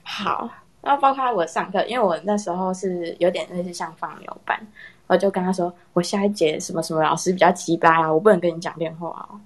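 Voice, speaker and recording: A young woman casually telling a personal story in a chat with friends, animated and laughing often. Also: lowish voice, fast talker. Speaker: storyteller in a horror story contest.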